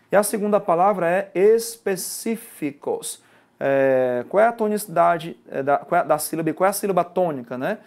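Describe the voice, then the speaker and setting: A man with a Brazilian Portuguese accent and a slightly high voice teaches an exam-prep grammar lesson, walking through it step by step and frequently checking in with the student.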